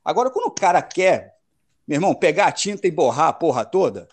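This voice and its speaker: A man from Brazil holds forth in a casual football chat. He talks emphatically and with plenty of slang, his voice pitched high and swinging widely. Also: animated, quick pace, slightly rough. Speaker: podcast host.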